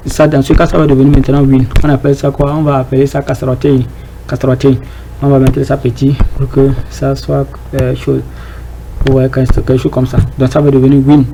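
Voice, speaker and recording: A man's voice: mid-range voice, monotone, brisk, vocal fry, dark tone, a little hiss or hum, low-quality recording. Hesitant man teaching at a board. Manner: hesitant, many fillers, repeats words, rhetorical questions. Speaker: Arabic teacher. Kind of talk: informal whiteboard lesson.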